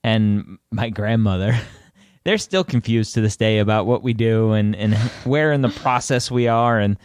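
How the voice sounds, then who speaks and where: A man in his thirties co-hosting a podcast, joking and halting, often repeating words as he talks. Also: fairly low pitch, smooth, no echo, clean studio sound. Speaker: podcast co-host. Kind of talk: casual podcast chat.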